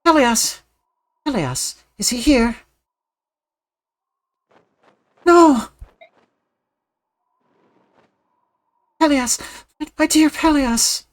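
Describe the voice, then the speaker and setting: A woman's voice: high voice, measured pace. A woman playing a grief-stricken, accusing queen mother in a video game, anguished and exclamatory. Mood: frantic grief. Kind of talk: melodramatic video game dialogue reading.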